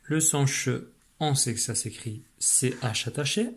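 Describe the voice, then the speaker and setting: Leading a spelling dictation, a male primary school teacher moves at an unhurried pace and patiently says each syllable twice. He speaks at a middle pitch with a slightly rough quality.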